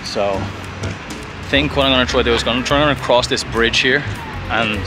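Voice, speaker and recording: A man's voice: medium pitch, moderate pace. A young man narrating a casual travel vlog outdoors on city streets, chatty and explaining his plans as he walks. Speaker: vlogger. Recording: music playing under the voice.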